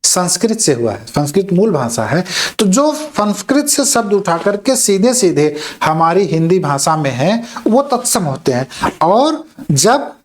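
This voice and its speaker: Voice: medium pitch, big pitch swings, unhurried, a little hiss or hum. A teacher giving an exam-prep grammar lecture, explaining step by step and often checking in with listeners. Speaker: Hindi teacher.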